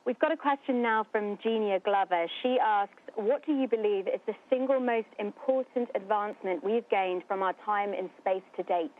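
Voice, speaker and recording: A woman's voice: mid-range voice, moderate pace, hardly any pauses. A woman hosting a live broadcast interview as a news presenter, heard through a phone-like link. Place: studio, heard over a link. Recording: narrow tinny phone-like radio link.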